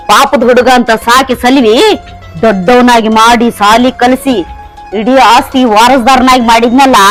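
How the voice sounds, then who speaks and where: A woman's voice: on the high side, close to an everyday voice, poor audio. An actress playing a scornful, rich village stepmother-in-law, speaking with a North Karnataka accent. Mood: bitter. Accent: North Karnataka Kannada. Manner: taunting, contemptuous. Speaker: actor.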